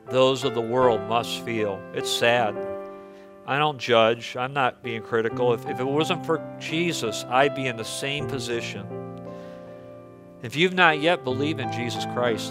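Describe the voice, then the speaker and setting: A male pastor speaks into a pulpit microphone in a church, earnest and pleading as he prays, often stumbling and repeating words. His voice sits at an ordinary middle pitch. Clear piano and guitar music plays softly behind him. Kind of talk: sermon and closing prayer. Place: church sanctuary.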